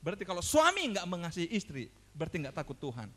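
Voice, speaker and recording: A male pastor delivering a sermon with a high, very lively voice that leaps up and down. He tells stories conversationally, asks rhetorical questions, and swings from hushed to loud. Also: fast.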